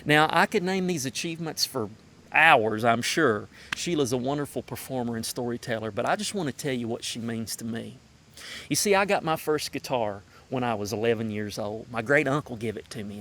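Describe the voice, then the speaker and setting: A man's voice: mid-range voice, a bit bright. A man from the North Carolina mountains with a Southern Appalachian accent, giving a prepared introduction in a folksy storytelling way with emphatic phrasing. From Madison County, North Carolina mountains, United States.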